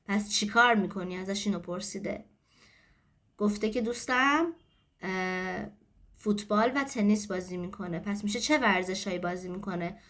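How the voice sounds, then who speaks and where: A woman's voice: mid-range voice, a bit bright. A woman English teacher patiently explaining grammar to learners, mixing explanation with example sentences. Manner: patient, explanatory, switching between languages.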